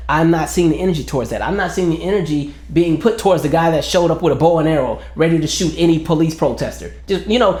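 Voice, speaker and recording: A man's voice: a little high, darkish tone. Earnest man in an echoey room. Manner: earnest, building arguments, acts out quoted voices. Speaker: commentary vlogger. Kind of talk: opinion monologue to camera.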